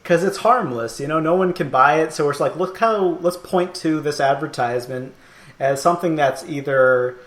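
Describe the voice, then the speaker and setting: A man's voice: a little high, normal speed. A man hosting a podcast, chatting casually and thoughtfully, rambling with many fillers and laughing often. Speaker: podcast host. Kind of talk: casual chat. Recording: roomy echo.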